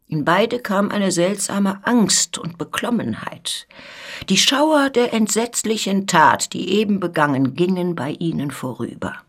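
Woman reading a classic novella slowly. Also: on the low side. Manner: slow, measured, hushed at times. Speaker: reader. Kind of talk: literary reading for radio.

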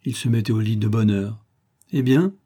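Mellow, husky male narrator. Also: on the low side, completely flat delivery, a little fast. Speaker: audiobook narrator. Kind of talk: scripted narration of a novel.

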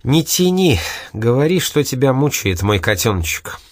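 A man reading aloud and voicing a gruff, short-tempered male gangster in an irritable manner. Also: lowish voice, lively intonation, normal speed, no echo, studio quality.

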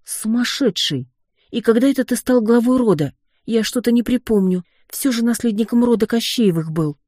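A reader voicing a sharp-tongued young witch heroine in an audiobook, with indignant quick retorts. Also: fairly low pitch, husky, no room sound, studio quality, pitched above the performer's own voice. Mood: astonished.

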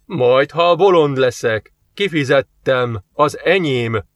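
A man's voice: medium pitch, expressive, no echo, natural voice. A man voicing a haughty bearded merchant.

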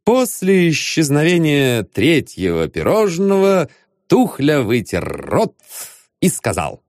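A man narrates an audiobook, his pitch swinging widely with expression. The voice sits a little high and is recorded close and dry. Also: takes it slowly, no room sound. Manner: expressive storytelling.

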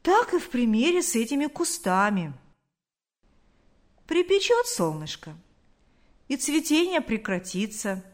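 A woman reading the part of a hoarse older male neighbor who muses in a folksy, philosophical way. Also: a little high, sing-song. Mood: musing. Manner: unhurried, musing, calls her "kiddo".

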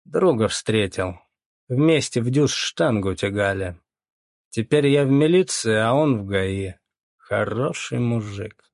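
A man's voice: lowish voice, expressive, takes it slowly, gravelly, darkish tone, no room sound, studio quality, exaggerated voice. Man playing a tipsy cocky young cop. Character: tipsy young male police officer, cocky and easygoing.

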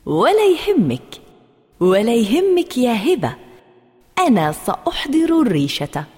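A woman voicing a playful, daring young girl in a children's story, with a husky voice and a long reverb. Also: a little slow, heavily acted. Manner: high, excited calls.

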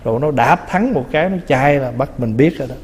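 Buddhist monk giving a warm-toned dharma talk. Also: male voice, medium pitch, animated, brisk. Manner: conversational, teasing, acts out little quotes. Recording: long reverb of a hall.

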